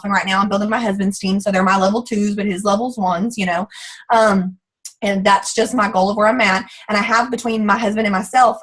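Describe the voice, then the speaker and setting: Southern woman preaching a pep talk on a call, loud and fast, kinda husky, higher voice. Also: low-quality recording. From American South. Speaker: guest speaker.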